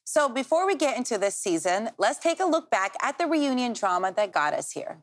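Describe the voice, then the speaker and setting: A woman's voice: on the high side, sing-song, a little fast. An American woman co-hosting a talk show, presenting and interviewing guests. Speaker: reunion show co-host.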